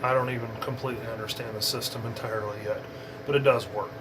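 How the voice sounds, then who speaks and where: An amateur radio enthusiast introduces his hobby in a casual tutorial, his medium-pitched voice halting and unscripted as his explanations drift. Steady, clear background noise sits under the speech.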